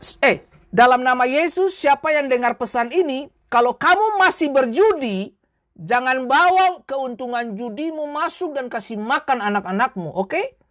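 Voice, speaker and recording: Woman preacher, high and emphatic, dry close sound, scolds with rhetorical questions. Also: animated, normal speed, no echo. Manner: acts out quoted voices in short skits. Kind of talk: sermon.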